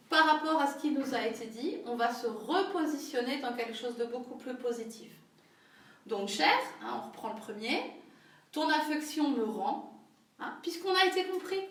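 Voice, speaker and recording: A woman's voice: high-pitched, animated, moderate pace. A woman leading a group workshop in a conversational teaching manner, often checking in with her listeners. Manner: conversational, frequent tag questions. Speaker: workshop leader. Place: room with a small group. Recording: very echoey room, far from the mic.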